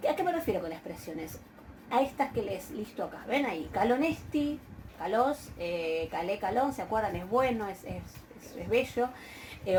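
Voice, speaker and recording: A woman's voice: medium pitch, a little mellow, slight background noise, poor audio. Patient Argentine woman teaching grammar. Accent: Argentine Spanish. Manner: patient, explanatory, frequent hesitations and checking questions. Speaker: university Greek teacher. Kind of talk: recorded online lecture.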